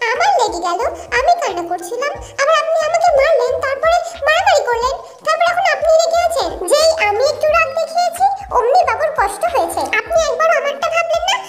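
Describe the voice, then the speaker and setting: A narrator voicing a pouting, scolding young female nursing student, over loud background music. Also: very high voice, lively intonation, fast talker, pitched above the performer's own voice. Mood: pouty scolding. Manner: pouty, scolding.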